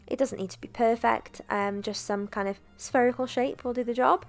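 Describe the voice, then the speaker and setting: A woman's voice: fairly high pitch, normal speed, creaky. Chatty young woman narrating a recipe. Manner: chatty, self-deprecating, relaxed. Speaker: cooking vlogger.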